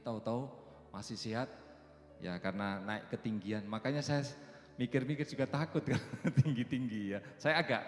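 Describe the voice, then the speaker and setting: A middle-aged pastor preaches in a church hall, his voice ringing with long reverb and faint music underneath. He moves between soaring, loud declarations and quiet, chuckling asides to the congregation. His pitch sits at an ordinary middle for a man. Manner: swings from loud high preaching to soft chatty storytelling, laughs often. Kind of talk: sermon.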